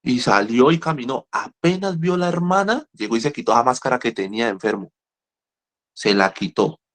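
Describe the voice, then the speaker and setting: A middle-aged man counseling people in recovery in a lively talk. He tells stories, repeats himself and speaks straight to his listeners. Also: mid-range voice, brisk. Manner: animated, repeats words, speaks directly to listeners. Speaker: rehab counselor. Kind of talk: motivational talk with storytelling.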